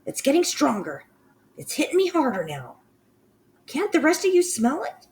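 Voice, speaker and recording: A woman voicing a shrill female witch who sniffs out a scent and shrieks in alarm. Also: huge pitch swings, normal speed, darkish tone, exaggerated voice. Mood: urgent. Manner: shrieking, high and frantic.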